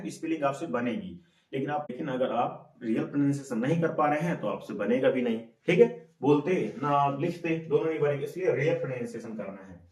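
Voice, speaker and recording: A man's voice: a little high, darkish tone. A male English teacher with an Indian accent, teaching a class and drilling words by repetition, often asking and answering his own questions. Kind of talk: classroom lesson. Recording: echoey room, mic far off.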